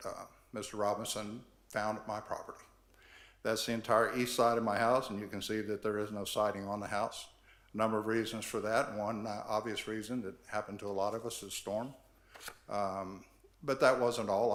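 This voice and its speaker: A man's voice: on the low side, fairly even intonation, a bit bright. Earnest older man in echoey chambers. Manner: earnest, measured, reads from notes. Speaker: property owner at hearing. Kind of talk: public comment at board meeting. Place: council chambers.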